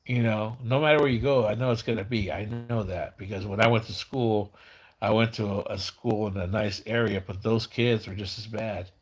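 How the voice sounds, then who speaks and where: A fifties-aged live stream host chats informally, his speech slurred and mumbling as if his tongue were half numb, with stops and repeated words. His voice sits on the low side with fairly even intonation, and the audio quality is poor.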